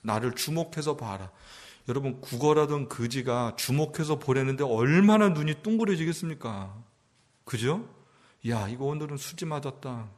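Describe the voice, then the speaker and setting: A man's voice: medium pitch, expressive, normal speed. A man preaching a sermon as a pastor, talking to his congregation in a conversational way, asking them questions and building up to emphatic passages. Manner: rises to emphatic, louder passages.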